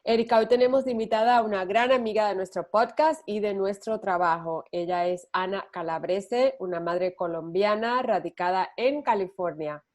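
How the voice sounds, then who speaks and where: Brisk woman podcast host. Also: fairly low pitch, a little mellow. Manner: brisk, upbeat presenting. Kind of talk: podcast introduction.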